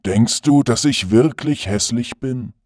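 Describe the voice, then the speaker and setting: An actor playing a gentle, sorrowful beast in a German fairy tale, speaking softly and solemnly. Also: male voice, mid-range voice, lightly acted. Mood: gentle, wistful. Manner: slow, soft-spoken, solemn.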